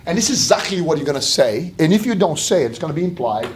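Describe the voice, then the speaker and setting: A man's voice: on the high side, fast talker. Male motivational speaker, emphatic repetition and acted-out quotes, distant echoey sound with faint noise. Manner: animated, rhetorical questions, acts out imagined quotes; repeats phrases for emphasis. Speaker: speaker giving a wealth seminar. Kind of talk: motivational seminar talk.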